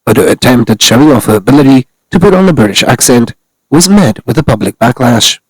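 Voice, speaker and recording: A man's voice: medium pitch, expressive, brisk, slightly rough, no room sound, poor audio. A man narrating a scripted celebrity news commentary, reading steadily from articles.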